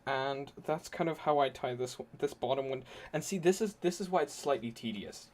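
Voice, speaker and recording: A man's voice: medium pitch, animated, normal speed, a little mellow. A man streaming live, chatting casually and thinking aloud as he explains his setup, his voice a little worn from talking.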